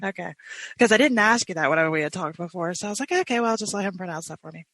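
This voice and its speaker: Bright, chatty woman hosting an interview. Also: lowish voice, expressive, fast talker, dry recording, poor audio. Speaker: podcast host. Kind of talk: conversational interview.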